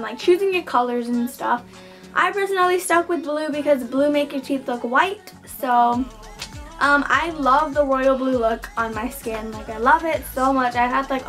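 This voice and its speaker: A woman's voice: sits high, normal speed, a bit bright, faint music behind. A young woman chatting casually to camera as a vlogger in her bedroom. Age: teens to young adult. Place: small bedroom indoors.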